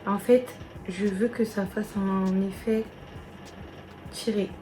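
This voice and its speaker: A woman's voice: mid-range voice, fairly even intonation, takes it slowly, dark tone, soft background music. A young woman walking viewers through a casual makeup tutorial, chatty and talking straight to them. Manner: chatty, addresses viewers directly. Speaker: beauty vlogger.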